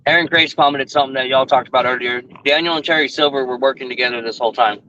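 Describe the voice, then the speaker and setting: A man from New Mexico talks fast and jokes around in casual chat. His pitch is ordinary. The recording is dull and muffled. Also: pushed and bright, a little hiss or hum. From Clovis, New Mexico. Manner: quick, joking, laughs often. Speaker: co-host.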